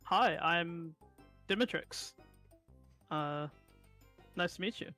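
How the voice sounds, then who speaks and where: Low-ish woman player, slow and halting, ums a lot, music faint in back. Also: sharp tone. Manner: hesitant, halting in character. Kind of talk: casual tabletop role-play.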